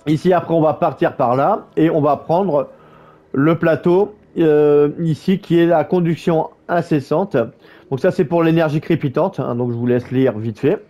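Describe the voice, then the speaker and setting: Halting French gamer with a dull, lo-fi mic. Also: male voice, a little high, mellow, faint music behind. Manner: halting, many fillers and restarts. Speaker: gaming YouTuber. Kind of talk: casual gameplay guide voice-over.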